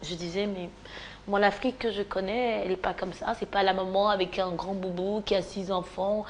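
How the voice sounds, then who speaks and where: A woman comedian speaks in a reflective, soft-spoken way at a middle pitch. A faint noise is heard behind her. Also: fairly even intonation, moderate pace.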